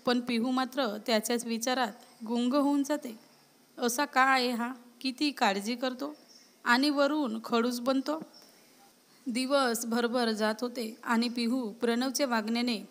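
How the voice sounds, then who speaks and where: High-voiced woman reading a romance story. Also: fairly even intonation, measured pace.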